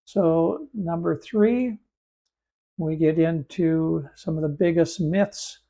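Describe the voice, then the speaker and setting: A man's voice: fairly high pitch, slow, gravelly, mellow. A man in his fifties, froggy-voiced from allergies, talking through a beginner's computer tutorial with fillers and restarts. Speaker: host and AI instructor. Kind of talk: screen-share tutorial narration.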